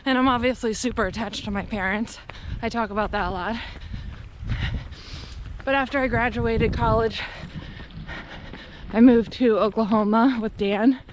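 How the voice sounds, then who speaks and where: A woman's voice: a little high, steady tone, moderate pace, pauses often, low-quality recording. An American woman in her thirties chatting candidly to the camera in effortful bursts while running. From Pennsylvania, United States. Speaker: running vlogger. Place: outdoors on a rural road. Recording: outdoor wind and passing traffic noise.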